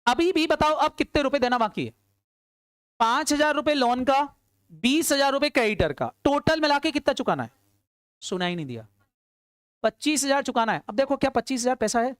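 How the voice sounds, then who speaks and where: Brisk woman teacher quizzing her class. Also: sits high, lively intonation, no echo, clean studio sound. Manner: quizzing students, answering her own questions; urging quick answers. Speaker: accounts teacher. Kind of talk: classroom lecture.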